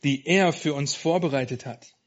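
Man doing a bright encouraging female sheep, raised voice, storybook, dull lo-fi recording. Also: on the high side, normal speed, close to an everyday voice. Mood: reassuring. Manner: encouraging, warm. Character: cheerful reassuring female sheep friend. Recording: dull lo-fi sound.

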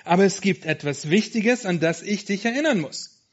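A man's voice: high voice, expressive, normal speed, voice pushed up. An upbeat female sheep reassures her friend in a lifted, encouraging voice, as a man voices her while reading aloud. She sounds kindly and sure. The sound is dull and lo-fi. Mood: reassuring. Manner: encouraging, warm.

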